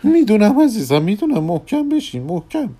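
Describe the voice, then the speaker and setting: A man voicing a flustered middle-aged magician who keeps trying to calm others. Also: sits high, pitched above the performer's own voice. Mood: soothing.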